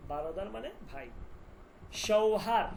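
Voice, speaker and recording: Man drilling vocabulary slowly, faint noise. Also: high voice, animated, creaky, darkish tone. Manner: repeats words and drills meanings with questions. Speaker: Farsi language teacher. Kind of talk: online language class.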